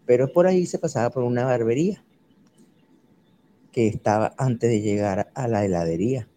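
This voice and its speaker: A man slowly recalls a school-days memory, repeating words as he remembers, with faint noise behind him. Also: mid-range voice, mellow. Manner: slow, reminiscing, repeats words.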